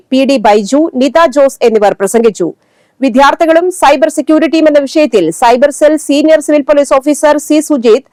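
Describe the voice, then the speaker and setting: High-voiced woman reading the news. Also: no echo. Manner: steady, formal bulletin reading. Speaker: news anchor. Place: studio.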